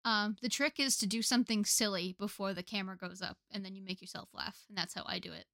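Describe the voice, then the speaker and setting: A woman's voice: medium pitch, steady tone, fast talker, creaky, sharp tone, no echo. Chatty young woman, dry close sound. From United States. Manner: chatty, laughs often, many fillers. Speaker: podcast co-host. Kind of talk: casual chat.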